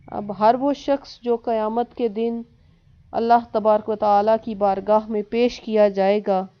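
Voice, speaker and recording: A woman teaching a lesson, reciting verses and then translating and explaining them slowly. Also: on the high side, highs cut off. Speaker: Quran teacher.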